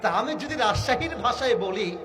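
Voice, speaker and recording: A man preaching a sermon to a crowd, calling out questions for the audience to answer and shouting at the high points. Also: animated, moderate pace, music in the background. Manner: calls out to the crowd and asks for answers; shouts at peaks, acts out quoted fighters.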